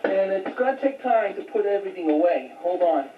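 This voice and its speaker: A home video collector shows off her recent finds in a casual, unscripted show-and-tell, rambling in a matter-of-fact way. Her mid-range voice is animated and a little fast. The audio is tinny and phone-like, echoey and distant, with slight background noise.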